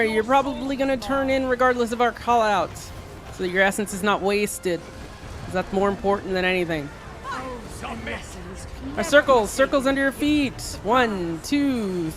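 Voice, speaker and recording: A raid leader on a live game stream, firing off the same short commands again and again to keep the group in line. The voice sits in an ordinary middle pitch and comes through a desk or headset mic on voice chat. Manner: repetitive rapid commands. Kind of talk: live gameplay call-outs.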